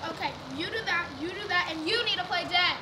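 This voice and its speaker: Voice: very high voice, fast, roomy sound. A child performer playing a bold, scrappy creature in a children's stage play, with broad, emphatic theatrical delivery. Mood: bossy, urgent. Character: bold, scrappy small creature plotting against birds. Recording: distant stage recording with clear background noise.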